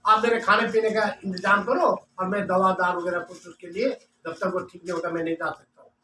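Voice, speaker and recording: A man's voice: high voice, flat delivery, brisk, pushed and bright, slight background noise, pitched below the performer's own voice. A man voicing a god disguised as a persistent, teasing priest, in a devotional story. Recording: echoey room, distant mic.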